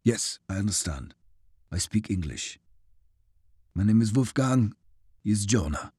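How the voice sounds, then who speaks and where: A man voicing a captured male German officer who speaks quietly and stiffly. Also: fairly low pitch, expressive, unhurried, breathy edge, dry recording, clean studio sound, heavily acted. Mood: guarded.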